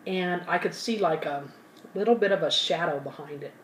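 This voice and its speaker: An ASMR channel host with a fairly low voice tells a story at a normal pace, recorded from a distance. It's loose, casual chat: she rambles, pauses to eat, talks with her mouth full, and corrects her own details. She sits back from the mic in a roomy space with a faint ambient hum.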